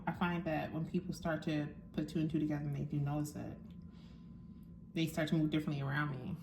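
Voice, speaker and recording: Eating as she talks, a young woman vlogger holds a casual, frank, musing chat with her viewers to camera. Her voice is deep, and there's slight background noise.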